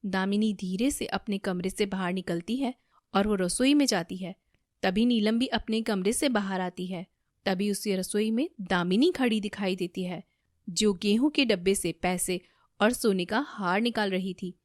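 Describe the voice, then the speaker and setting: A woman narrating a family moral story for a cartoon in a steady, even manner. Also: mid-range voice, measured pace, no room sound, clean studio sound.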